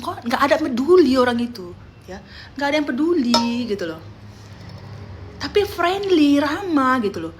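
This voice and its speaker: A young woman chatting on a phone livestream, telling animated stories and quoting her friends. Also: high-pitched, background noise. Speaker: live streamer. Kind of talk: casual livestream chat.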